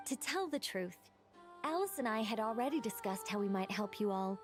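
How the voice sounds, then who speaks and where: A woman's voice: mid-range voice, animated, normal speed, faint music behind, close to an everyday voice. A woman playing a gracious, theatrical angelic mage with a poised, flourishing delivery in an anime video game. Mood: gracious, playful.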